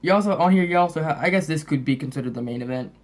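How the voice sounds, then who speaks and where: A man's voice: a little high, rapid-fire. Man with a lisp from braces. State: slightly sick, sniffly. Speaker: host of a wrestling DVD collection update. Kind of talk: casual, rambling show-and-tell chat.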